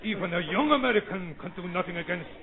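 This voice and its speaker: An actor playing a bitter, undersized mad scientist of about fifty who gloats and sneers in broken English, in 1930s radio acting on a scratchy old radio broadcast recording. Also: male voice, high-pitched, expressive, fast, phone-quality sound, a crowd in the background.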